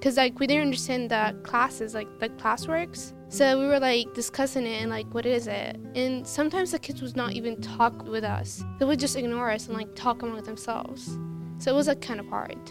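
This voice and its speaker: Teen girl from Iraq, casual and filler-heavy, high voice, clear guitar behind. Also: moderate pace. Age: teens. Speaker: student interviewee. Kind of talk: interview testimony.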